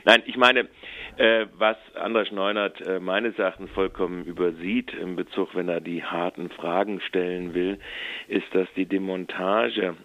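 Radio show caller: male, very low gravelly voice, argumentative, stop-start delivery full of fillers. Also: flat delivery, no echo, dull audio. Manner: argumentative, halting with frequent fillers. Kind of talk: phoned-in listener comment on a radio show.

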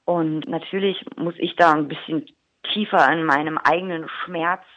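Speaking in a deep, steady voice, a woman from Berlin talks as an actress guest in a radio interview, her accent clearly Berlin German. She is chatty, candid and quick to laugh, and the dry recording has a dull, lo-fi radio quality.

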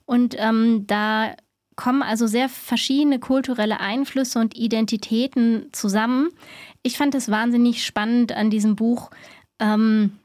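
A woman's voice: fairly high pitch, steady tone, a little slow, a little mellow, dry recording, clean studio sound. A woman hosting a book discussion, speaking thoughtfully with some hesitations. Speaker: literary show host.

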